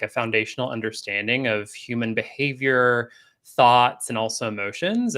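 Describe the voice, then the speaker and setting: A man speaking as a guest coach in a casual live-stream interview, relaxed, with many fillers and restarts. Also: mid-range voice. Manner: laughs often. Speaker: guest coach and energy healer.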